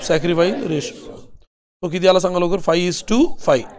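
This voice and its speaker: A man with a Marathi accent teaching commerce, firing quick questions and answering them himself in call-and-response style. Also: sits high, fairly even intonation. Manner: rapid questions, repeatedly urging students to answer quickly. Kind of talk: classroom lecture with call-and-response drilling.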